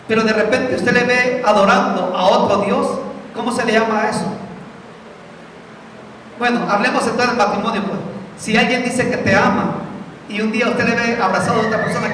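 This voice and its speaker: Male pastor preaching in a church hall, high voice, distant mic with heavy echo. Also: a bit bright, a little hiss or hum. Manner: preaching with rhetorical questions and acted-out dialogues. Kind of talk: sermon.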